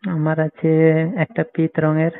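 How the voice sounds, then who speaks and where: A man's voice: on the high side, monotone, measured pace, vocal fry. A man in a casual, private chat over the telephone, in a tinny call recording.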